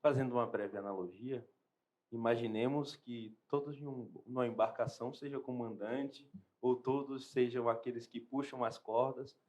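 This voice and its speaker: A young seminarian hosting a podcast interview, asking questions and drawing comparisons in a formal, measured way. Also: male voice, medium pitch, fairly even intonation, darkish tone. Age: young adult.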